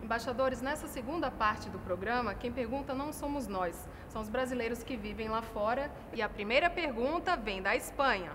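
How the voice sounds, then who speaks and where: A woman with a Brazilian accent, presenting a TV program in a clear, formal, scripted way. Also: on the high side, animated, a little fast, few pauses, long reverb tail, noisy background. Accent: Brazilian Portuguese. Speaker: TV host.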